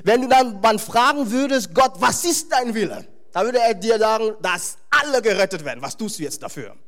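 A man preaching a sermon to a congregation, emphatic and animated, with wry humorous asides. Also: sits high, normal speed.

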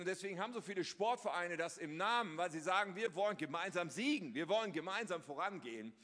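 A married man preaching as a guest pastor. He moves between loud, emphatic reading and a hushed, quiet prayer voice. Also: on the high side, long reverb tail. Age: adult, married. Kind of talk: sermon with prayer. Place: church.

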